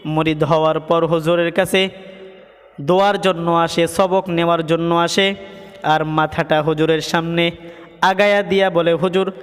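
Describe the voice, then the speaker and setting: A man preaching a sung waz sermon, chanting lines in a melodic sing-song and rising to high emphatic calls. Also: fairly even intonation, unhurried, clear, resonant tone. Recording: echoey hall with music behind.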